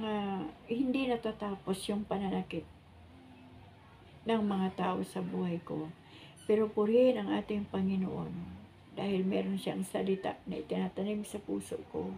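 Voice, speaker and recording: A woman in her sixties giving a heartfelt faith testimony to her viewers, speaking earnestly and politely with frequent pauses and fillers. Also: mid-range voice, gravelly, dark tone, a little hiss or hum, rough recording. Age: 60s. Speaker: vlogger sharing testimony.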